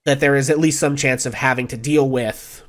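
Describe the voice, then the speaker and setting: A man's voice: mid-range voice, steady tone, normal speed. A man acting as game master, casually explaining and narrating a tabletop game in a conversational way.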